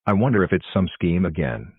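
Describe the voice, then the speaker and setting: A man's voice: low voice, sing-song, fairly quick, slightly rough, no echo, narrow, tinny audio, full character voice. A synthetic-sounding man voicing a worried, suspicious cartoon father in a stiff, formal way. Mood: concerned, polite. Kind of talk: scripted cartoon dialogue.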